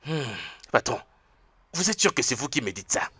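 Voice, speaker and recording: Man plays an excitable male houseboy, bright and husky, voice leaping all over. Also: medium pitch, normal speed, no room sound, full character voice. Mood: nervous bravado. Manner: laughs often, voice swings wildly. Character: excitable young male servant, laughing, boastful. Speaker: houseboy servant. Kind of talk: French film dub.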